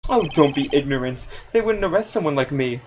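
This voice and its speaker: A man voicing a flamboyant, vain male circus magician with a grandiose, drawn-out drawl. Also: on the high side, lively intonation, a little hiss or hum, lightly acted. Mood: haughty.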